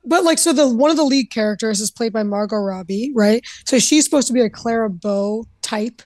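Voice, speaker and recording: A woman with a higher voice co-hosting a podcast, retelling a film with animated energy. Her talk is full of "like". The sound is dry and close. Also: fairly quick, dry recording. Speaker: podcast co-host. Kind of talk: casual film review chat.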